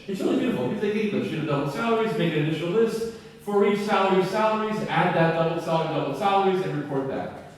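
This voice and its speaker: A man giving an enthusiastic, animated conference keynote, acting out classroom exchanges as he teaches. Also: high voice. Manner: animated, enthusiastic, acts out dialogue. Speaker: keynote speaker. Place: lecture hall. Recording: echoey hall from far off.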